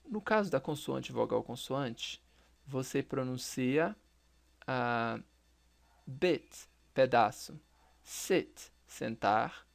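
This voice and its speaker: A man teaching a recorded English lesson. His voice has a gravelly, fry-laden edge, and he takes his time, speaking slowly and deliberately. He repeats each example phrase so learners can follow. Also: medium pitch.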